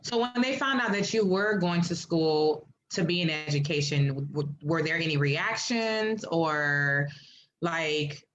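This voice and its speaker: A woman hosting a live-stream interview, talking in a lively, informal, chatty way. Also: low voice, measured pace, a little hiss or hum. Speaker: host. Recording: dull lo-fi stream audio.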